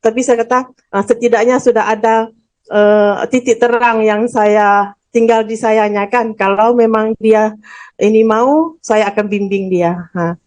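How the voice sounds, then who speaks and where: Heartfelt woman with a high-set voice. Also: steady tone, a little slow, darkish tone, rough recording. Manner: heartfelt and candid, with frequent fillers. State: emotional, close to tears at times. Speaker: forum panelist. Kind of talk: personal testimony at a religious forum.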